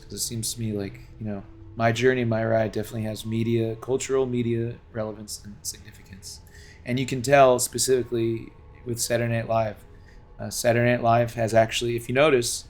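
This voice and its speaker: Speaking from home, a Los Angeles game streamer addresses his viewers in a long, earnest monologue that rambles, restarts often, and is packed with fillers. His voice sits in the mid range, with a slight hiss or hum on the recording.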